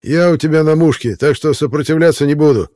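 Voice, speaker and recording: A man's voice: on the low side, normal speed, dark tone, lightly acted. A man voicing a sneering hitman in an audiobook. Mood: panicked. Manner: gloating, then panicked pleading. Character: menacing bearded male hitman, gloating. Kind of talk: audiobook character reading.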